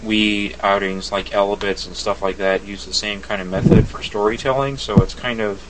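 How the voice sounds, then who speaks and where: Low-voiced man in casual game talk. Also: fairly even intonation, normal speed, heavy background noise. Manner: chatty, hedging with fillers. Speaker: podcast co-host.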